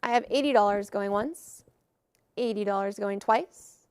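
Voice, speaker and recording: A woman auctioneer calling bids in a live auction with brisk, formulaic patter. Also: medium pitch, a little mellow, clear, resonant tone, no echo, studio quality.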